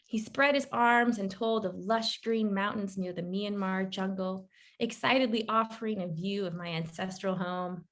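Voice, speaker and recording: A woman author reading her own short story aloud in a measured, wry first-person narration. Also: medium pitch, fairly even intonation, fairly bright tone.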